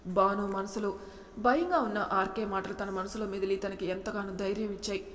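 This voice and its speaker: A woman tells a drama story in a steady storybook narration. Her voice sits at a middle pitch, and each phrase trails off into a long reverb. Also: brisk, a little hiss or hum.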